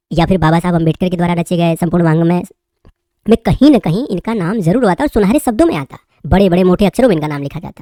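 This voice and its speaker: A woman's voice: fairly low pitch, mellow, dry recording, studio quality. A woman commentator reading out social media posts and remarking on them in a chatty way, talking straight to her viewers. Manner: chatty, addresses viewers directly as brother.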